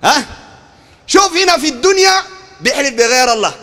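A man with a Sudanese Arabic accent preaching a street sermon, animated and throwing rhetorical questions at his listeners. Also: very high voice, fairly quick, big-room sound. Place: outdoor market.

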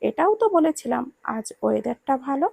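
A woman's voice: high voice, big pitch swings, normal speed, vocal fry, darkish tone, no echo, full character voice. A woman reading the lines of a hot-tempered, teasing young husband in a storybook reading. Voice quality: gritted, scolding delivery.

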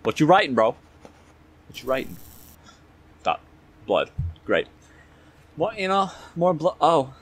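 A young guy streaming a horror game. His pitch jumps around as he reacts like a jittery, scared player, talking to himself in casual slang. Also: sing-song, slow, long pauses, slightly rough. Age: young adult. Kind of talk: casual gameplay commentary.

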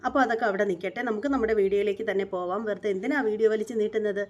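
A woman's voice: medium pitch, steady tone, racing, highs cut off. A woman, hosting a reaction channel and talking casually to her viewers in a chatty, repetitive way. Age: 40s. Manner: chatty, repetitive, sometimes indignant.

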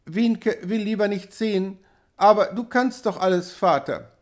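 A man's voice: very high-pitched, takes it slowly, pitched above the performer's own voice. A man reading an audiobook, voicing a frightened little girl with a small, pleading manner. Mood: uneasy.

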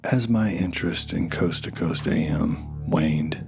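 Very deep-voiced man narrating wryly. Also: measured pace, gravelly, darkish tone. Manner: wry, self-deprecating asides. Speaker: YouTube narrator. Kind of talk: scripted documentary narration. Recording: faint music behind voice. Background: faint music.

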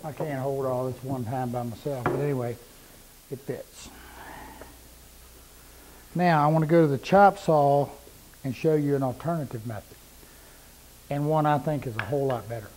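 A man's voice: mid-range voice, moderate pace, long pauses, a little mellow, slight background noise, poor audio. A middle-aged man demonstrating cuts in his woodworking shop, plain-spoken and repeating points for emphasis while he works, on a lapel mic. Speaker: woodworking instructor. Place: woodworking shop with power saws.

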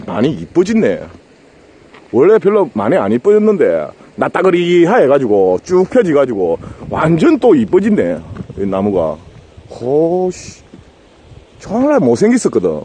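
Husky Gyeongsang man chatting outdoors. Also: medium pitch, mellow. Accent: Gyeongsang Korean. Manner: joking, stammering, rambling. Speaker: vlogger and live streamer. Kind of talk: casual outdoor chat to viewers. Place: outdoors in a rural garden.

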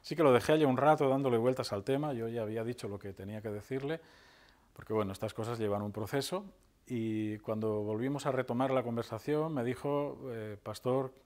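A middle-aged man, preaching a sermon as pastor in a conversational way, with fillers and slow emphatic phrases. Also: medium pitch, a little mellow. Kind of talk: sermon with storytelling.

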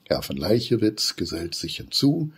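Male narrator reading a children's storybook, deep and lively, very husky. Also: normal speed.

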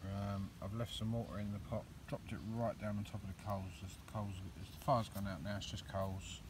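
Brisk and level in tone, with a fairly low pitch, a man in his 30s narrates his outdoors vlog from a woodland campsite and path. His talk is rambling and chatty, peppered with ums, recorded on a phone camera held at arm's length with clear background noise in the open air.

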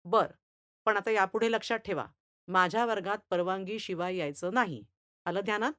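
A woman's voice: medium pitch, normal speed, fairly bright tone, dry recording, clean studio sound, close to an everyday voice. Woman voicing a stern scolding schoolteacher man. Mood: firm. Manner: scolding, lecturing, raises voice. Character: stern, irritable new male schoolteacher. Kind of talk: storytelling reading.

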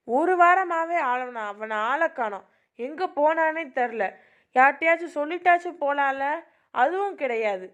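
A woman's voice: sits high, close to an everyday voice. A woman voicing a middle-aged mother who scolds and frets over her missing son in an amateur voice drama.

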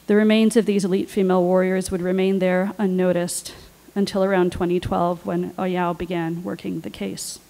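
A woman on a panel, reading her own personal essay aloud in a measured, deliberate way. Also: on the low side, level tone, creaky, warm tone, rough recording. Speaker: writer and panelist.

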